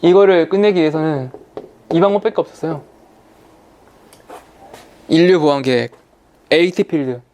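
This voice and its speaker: A man giving an online lecture on insurance, talking in an animated, colloquial way and repeating key words for emphasis. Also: on the high side, moderate pace, pauses often, slight background noise. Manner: animated, acts out salespeople's lines in quotes.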